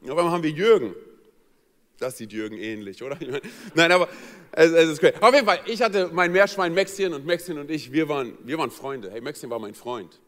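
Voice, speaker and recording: Man, pastor, humorous sermon story, playful, fairly high voice, long hall reverb. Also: fast talker. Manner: lively, joking, acts out quoted voices. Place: church hall.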